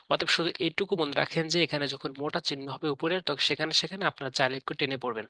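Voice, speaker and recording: A man teaching how to recite, explaining in plain speech and then chanting verses slowly with long drawn-out vowels. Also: fairly high pitch, pushed and bright, no room sound. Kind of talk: spoken lesson with slow chanted recitation. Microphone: audio only, no camera.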